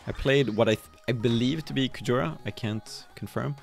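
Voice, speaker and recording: A man casting a fighting game tournament in a relaxed, chatty way, with many fillers and frequent chuckles. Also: medium pitch, a little fast, creaky. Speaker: esports caster. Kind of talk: casual game commentary. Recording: music playing behind.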